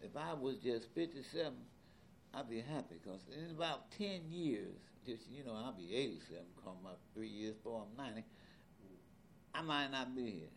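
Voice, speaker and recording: A man in his seventies in a casual conversation as an interviewee, animated and repetitive, with loose colloquial speech. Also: mid-range voice, normal speed, gravelly, a little hiss or hum. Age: 70s. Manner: animated, repeats words, loose colloquial grammar.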